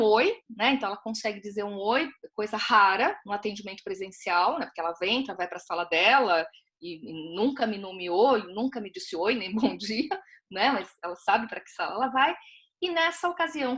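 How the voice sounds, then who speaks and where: A woman's voice: a little high, fairly bright tone. A woman with a Brazilian accent, a clinician, talking on an online meeting with many fillers and tag questions. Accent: Brazilian Portuguese. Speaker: clinician from a therapy team. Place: home, video call.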